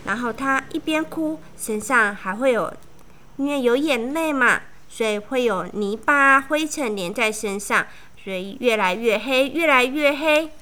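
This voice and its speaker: A woman reading a children's picture book aloud in a slow, animated storytelling manner. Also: fairly high pitch.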